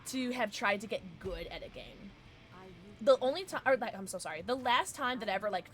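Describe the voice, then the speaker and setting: A woman's voice: medium pitch, a bit bright. A woman chatting casually on a gaming livestream in a playful, effusive and scatterbrained way. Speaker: livestreamer playing video games.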